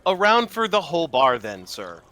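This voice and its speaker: A man's voice: a little high, wildly swooping pitch, normal speed, sharp tone, full character voice. A man voicing a polite, towering porcelain automaton that speaks in stiff, formal phrases.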